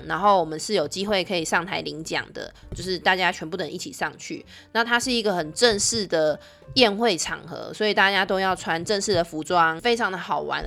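A woman's voice: lowish voice, a bit bright. A woman in her thirties hosting a podcast, chatting casually with lots of filler words. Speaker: podcast host.

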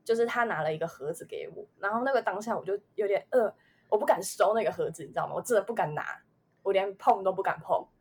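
A woman's voice: medium pitch, quick pace, a little mellow. A woman in her twenties with a Taiwanese Mandarin accent, telling a personal memory in a casual podcast chat, rambling with many fillers. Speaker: podcast co-host.

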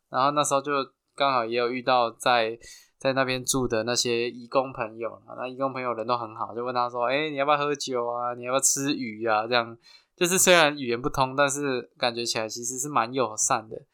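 A man with a Taiwanese Mandarin accent hosting a podcast, telling stories in a chatty, halting way full of restarts. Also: medium pitch, bright, forceful tone, smooth. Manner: chatty, halting with frequent restarts and fillers, laughs at his own stories. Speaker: podcast host. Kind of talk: casual storytelling.

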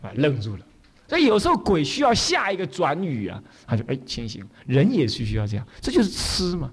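A man's voice: a little high, wildly swooping pitch, a little fast, breathy edge. A man with a Taiwanese Mandarin accent, a Buddhist abbot telling stories in a sermon, acting out the characters and often asking the audience to agree. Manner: acts out characters' voices while telling stories. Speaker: Buddhist abbot giving a dharma talk. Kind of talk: storytelling sermon.

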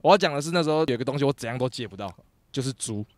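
A man's voice: medium pitch, rapid-fire. A young man, co-hosting a casual chat and telling work stories with a laugh. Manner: animated, laughs through his stories. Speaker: podcast co-host, former film art crew.

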